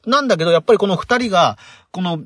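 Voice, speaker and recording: Animated Japanese man chatting solo. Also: high voice, rapid-fire, no echo, studio quality. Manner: animated, rambling with many fillers. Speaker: podcast host. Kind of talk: casual solo podcast commentary.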